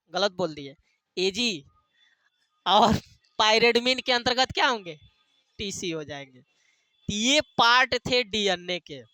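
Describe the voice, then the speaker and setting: A man's voice: high voice, bright, forceful tone, no room sound. A male teacher giving a classroom lecture, asking questions and answering them himself, repeating key terms and using jokey memory tricks.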